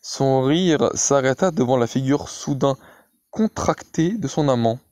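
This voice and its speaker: Man narrating a classic novel slowly. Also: mid-range voice, a little mellow, no echo, studio quality. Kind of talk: literary audiobook narration.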